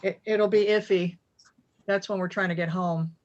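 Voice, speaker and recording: A woman's voice: on the low side, fairly even intonation, moderate pace, highs cut off. Woman, committee member, polite, inquiring, video call. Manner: polite, questioning. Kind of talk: meeting discussion.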